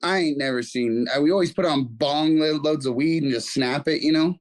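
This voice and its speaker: A man guesting on a podcast, telling stories in animated, profane casual chat and acting out what others said. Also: fairly high pitch, a little fast, low-quality recording. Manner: animated storytelling with acted quotes and swearing.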